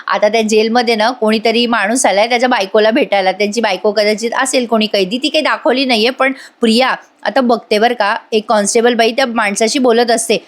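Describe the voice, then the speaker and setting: A woman narrates a casual voice-over review of a TV serial episode, chatting straight to her viewers. Her voice sits somewhat high for a woman, in a conversational recap style. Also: steady tone, brisk, hardly any pauses. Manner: chatty, addressing viewers directly.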